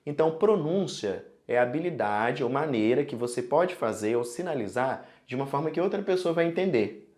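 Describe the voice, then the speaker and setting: A man with a Brazilian Portuguese accent teaching sign language in an online tutorial, explaining in a lively way and often checking in with the viewer. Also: medium pitch, moderate pace.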